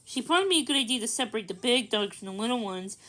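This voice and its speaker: A woman reads a storybook aloud for children in a high-pitched, bright voice, expressive and forceful in tone. Her delivery is slightly halting.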